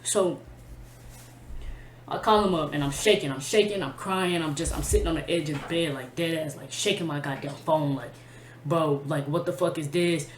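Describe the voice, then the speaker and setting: A woman's voice: low voice, normal speed, slight background noise. Profane woman telling a storytime vlog. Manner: blunt, profane, emotional retelling with slang. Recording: echoey room.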